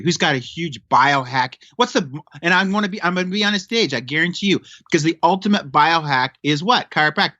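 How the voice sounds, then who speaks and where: A man's voice: mid-range voice, fairly bright tone, dry recording. A man in his fifties, a chiropractor guest on a podcast, talking emphatically and preachily in casual chat. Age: 50s. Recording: dull lo-fi sound.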